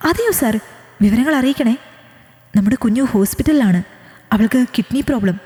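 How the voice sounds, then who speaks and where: A frightened young student pleads for news of her friend in high, rising questions, as a woman puts her on. The tone stays soft and mellow. Everything rings in a roomy space with a long reverb tail. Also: lively intonation, a little fast, lightly acted. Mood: alarmed. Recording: echoey room with long reverb.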